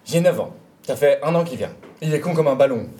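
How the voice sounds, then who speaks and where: A man's voice: medium pitch, animated, fairly quick, noisy background, natural voice. Man playing a naive, blunt little boy. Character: naive, boastful little boy narrating his childhood. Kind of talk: stage storytelling.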